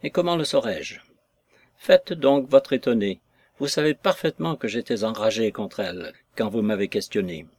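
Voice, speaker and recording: A man's voice: on the low side, normal speed, darkish tone, no echo, close to an everyday voice. A male reader voicing a proud, vengeful female maid who speaks with sarcasm and contempt. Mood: scornful fury.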